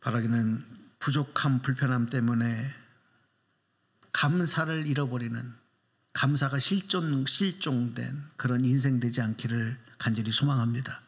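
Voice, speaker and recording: A man preaching a sermon as pastor in a church, emphatic, pressing the congregation with rhetorical questions and swinging his pitch widely for emphasis. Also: moderate pace.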